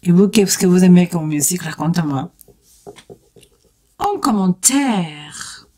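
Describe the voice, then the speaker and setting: Taking it slowly, a woman with a warm voice on the low side talks expressively through a casual makeup tutorial. As a beauty vlogger, she speaks straight to her viewers while working, with plenty of enthusiastic exclamations.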